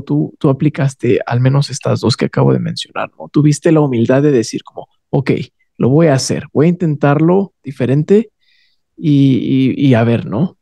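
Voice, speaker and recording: Gravelly thoughtful man. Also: mid-range voice, warm tone, dry recording. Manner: thoughtful, often ends phrases with "¿no?". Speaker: podcast co-host. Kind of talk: reflective casual conversation.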